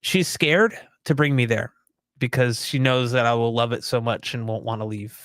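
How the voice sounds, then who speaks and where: A man's voice: mid-range voice, steady tone, moderate pace, fairly bright tone, dry recording. A young man co-hosting a podcast live stream, chatting casually in an easygoing, rambling, self-deprecating way. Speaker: podcast co-host.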